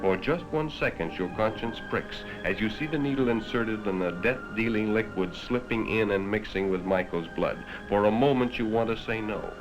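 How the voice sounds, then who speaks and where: Poor audio from a vintage 1960s film soundtrack captures an American man with a lowish voice, prominent music behind him. He reads scripted narration directly to the listener, grave and dramatic. The moralizing tone is that of a 1960s educational film.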